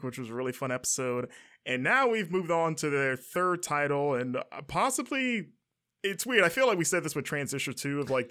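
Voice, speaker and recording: A man's voice: a little high, pushed and bright. A man hosting a podcast in a casual, conversational style. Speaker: podcast host.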